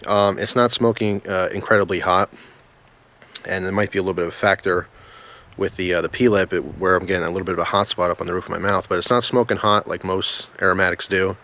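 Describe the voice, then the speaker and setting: A man giving a casual product review in a rambling, halting way, recorded outdoors. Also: low voice, fairly even intonation, sharp tone. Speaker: pipe tobacco reviewer. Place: outdoors in the snow in winter.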